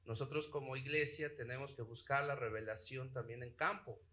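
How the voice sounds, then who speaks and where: A man's voice: medium pitch, fairly even intonation, moderate pace, pushed and bright, rough recording. A man preaching a sermon who keeps asking his congregation questions and checking that they follow along. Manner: asks the congregation rhetorical questions.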